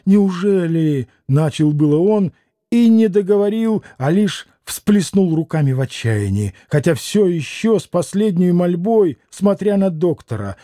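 A man narrates a classic novel at a measured, even pace. His voice is high yet mellow. The recording is close and dry, with no room sound. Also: dry recording.

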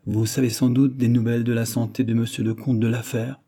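A man voicing a soft-spoken, earnest young woman in an audiobook reading of a classic novel. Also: mid-range voice, flat delivery, fairly quick, slightly rough. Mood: anxious.

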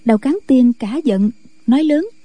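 A woman narrating a martial-arts novel in steady audiobook storytelling. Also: high voice, normal speed, breathy edge.

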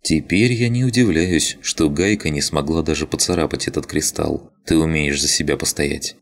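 A man's voice: a bass voice, normal speed, creaky, full character voice. A man voicing a tired young woman who sounds resigned and wryly sad. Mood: weary. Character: weary young woman awaiting her fate.

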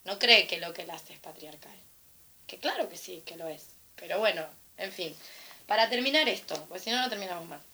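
A young adult woman from Argentina with a Rioplatense accent, talking casually on a panel, animated and irreverent, acting out the voices she quotes. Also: fairly low pitch, a little fast, slight background noise. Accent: Rioplatense Spanish. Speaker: panel speaker. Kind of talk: casual storytelling commentary at a panel.

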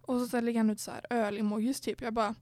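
Young woman, high voice, dry close sound, casual storytelling, podcast host. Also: level tone, darkish tone, no echo. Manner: storytelling, acts out quoted dialogue. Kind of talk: casual chat.

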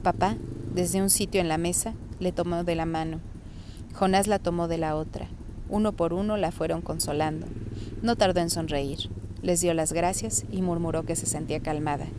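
A woman calmly reading a chapter of a novel aloud, narrating in a steady way. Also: lowish voice, normal speed, noisy background. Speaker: reader.

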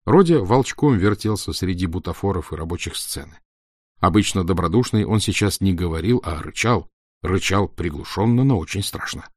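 A man narrating an audiobook in an expressive storytelling manner. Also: sits low, moderate pace, no echo, clean studio sound.

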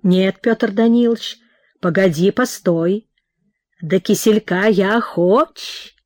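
Woman reading a gluttonous old priest: hearty, slow, merry. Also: mid-range voice, darkish tone, no echo, clean studio sound, close to an everyday voice. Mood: greedy. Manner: boisterous, hearty, fond of food.

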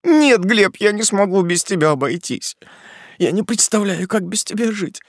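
Audiobook role: man doing a high, sobbing young woman begging her fiancé, voice breaking, dry booth sound. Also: expressive, normal speed, dry recording. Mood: pleading, tearful. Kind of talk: audiobook dialogue.

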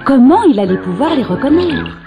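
Expressive woman reading a children's story. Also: high voice, normal speed, lo-fi sound. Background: background music.

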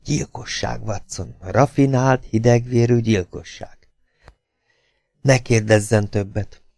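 Brief: shrewd commanding detective, dark low tone, urgent and clipped , read by a man. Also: lively intonation, no echo, clean studio sound. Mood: hushed. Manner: urgent, tense, often hushed. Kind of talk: audiobook character voice.

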